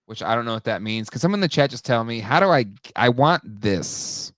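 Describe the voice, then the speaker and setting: A man's voice: mid-range voice, expressive, a little fast, no room sound, clean studio sound. A man hosting a casual talk show, rambling with lots of fillers and restarts. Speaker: podcast host. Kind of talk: casual chat.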